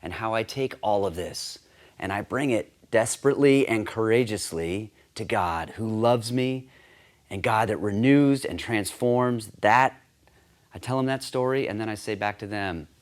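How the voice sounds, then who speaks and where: A man giving a scripted teaching talk on sharing faith, earnest and steady, lifting his voice when he acts out quoted lines. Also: lowish voice, a little slow. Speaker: campus ministry teacher.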